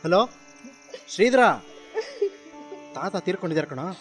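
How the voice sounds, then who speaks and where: An actor playing an obliging auto-rickshaw driver in a radio drama, reassuring and quick to help. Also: male voice, sits high, animated, over music. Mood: helpful. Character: obliging young auto driver, calm helper.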